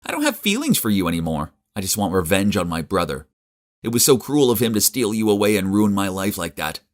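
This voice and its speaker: A man's voice: big pitch swings, brisk. A man voicing a scheming young woman who sneers at her brother, then pleads. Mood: scornful. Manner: sneering, high-strung.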